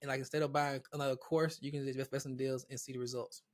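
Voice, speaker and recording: A man's voice: medium pitch, flat delivery, fast talker. A man who is a guest on an interview show, talking casually about his platform with many restarts and repeated words. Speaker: guest, real estate platform founder.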